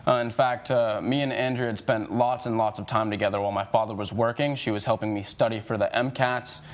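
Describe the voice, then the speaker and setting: A man's voice: lowish voice, fairly even intonation, brisk. A young man in his twenties testifying as a co-defendant, explaining himself hesitantly with many fillers. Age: 20s. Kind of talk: courtroom testimony.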